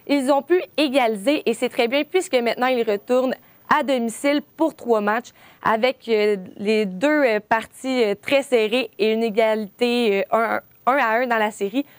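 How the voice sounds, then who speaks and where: A young woman reports on a hockey game for a news show. Her voice is fairly high and the sound is close and dry, with frequent pauses filled by hesitations. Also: dry recording. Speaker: sports reporter.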